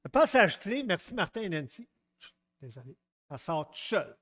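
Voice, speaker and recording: Here a middle-aged Québécois French-accented preacher talks at a normal speed in a high-pitched voice. He keeps the sermon lively with jokes, side stories, and dramatized quotations.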